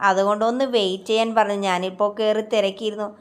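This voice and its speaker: A woman voicing a calm, protective young man explaining plainly, in a narrated story. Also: mid-range voice, fast talker, natural voice.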